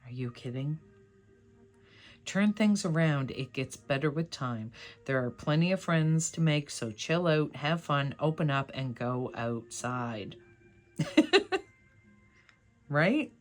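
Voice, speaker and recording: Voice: mid-range voice, a little slow. A tarot card reader hosting a casual pick-a-card reading, speaking to viewers in an encouraging, affirming and conversational way.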